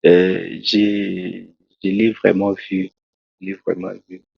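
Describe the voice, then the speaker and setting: A Congolese preacher, a man, tells his testimony in an interview, slowly and haltingly, with many restarts. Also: sits low, little pitch movement, creaky, husky, no room sound. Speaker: preacher, guest. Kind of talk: testimony in a talk show interview. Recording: dull, lo-fi dry sound.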